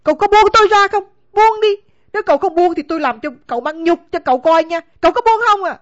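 A woman's voice: high voice, lively intonation, moderate pace. A woman voicing a poor but proud young female servant in an audiobook, speaking firmly and indignantly, in a dull, lo-fi recording. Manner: firm, indignant. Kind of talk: audiobook character acting.

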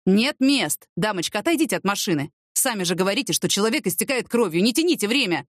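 A woman voicing a weary male ambulance doctor who speaks in short, flat, dismissive lines. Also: medium pitch, fast talker, no echo, studio quality, natural voice. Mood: curt.

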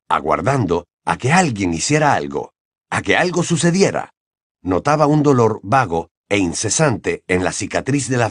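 A man narrating an audiobook in an expressive, dramatic reading. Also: on the low side, dry recording, clean studio sound. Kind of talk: scripted narration.

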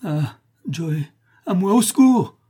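A man's voice: mid-range voice, slow, mellow, breathy edge. A man voicing a frightened young woman who sobs and pleads for rescue. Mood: desperate. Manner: sobbing, pleading.

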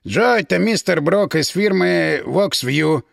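Man playing a boozy inventor, ironic, weary, gravelly. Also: sits high, lively intonation, unhurried, no room sound, studio quality, exaggerated voice.

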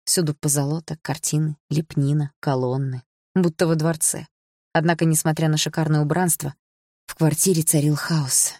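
An audiobook narrator reading a story in an even, measured way. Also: mid-range voice, no echo, clean studio sound. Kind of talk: scripted narration.

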